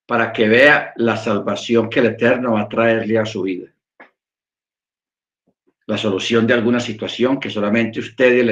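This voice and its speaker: A man preaching a sermon, emphatic, addressing his listeners as brothers and dropping low and slow to stress a point. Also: bright, forceful tone, echoey room.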